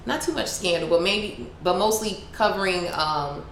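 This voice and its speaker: A journalist from Miami, United States, is interviewed in a casual chat, speaking fast, animated and informal with a Miami accent. Her voice is on the low side, and the room has an echo with faint background noise.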